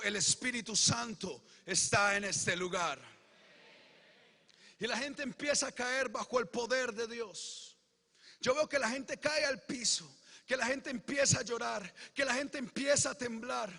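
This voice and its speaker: A man preaching his testimony in a very high, bright, tense voice. He moves between hushed retelling and fervent shouting. His words ring with the long reverb of a large church hall. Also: normal speed, vocal fry. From Colombia. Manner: impassioned, swinging from hushed storytelling to shouted proclamation. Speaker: pastor.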